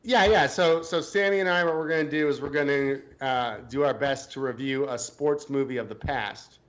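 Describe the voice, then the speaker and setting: A man's voice: medium pitch, normal speed, muffled recording. A man co-hosting a casual sports podcast, hesitant and joking, often restarting his sentences. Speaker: podcast co-host.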